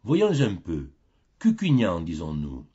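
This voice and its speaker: Un homme qui prête sa voix à un vieux saint bienveillant, gardien du paradis, au ton familier et serviable, dans un livre audio. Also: male voice, sits low, huge pitch swings, slow pace, husky, lo-fi sound, pitched below the performer's own voice, heavily acted. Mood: reading aloud. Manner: warm, familiar and obliging. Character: kindly old male saint, heaven's gatekeeper.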